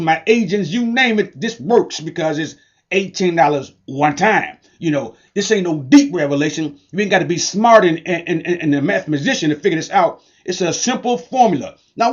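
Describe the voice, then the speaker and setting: High-voiced man giving a hyped sales pitch. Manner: preachy, repetitive call-and-response hype in casual slang. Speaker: online business promoter. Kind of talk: energetic sales pitch to camera. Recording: dull lo-fi recording.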